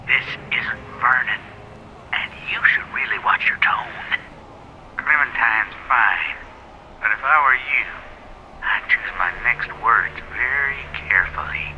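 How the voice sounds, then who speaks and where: An actor playing a calm, threatening male stranger who speaks slowly and quietly over a radio in a video game. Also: medium pitch, a little hiss or hum. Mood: menacing. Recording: dull lo-fi radio sound.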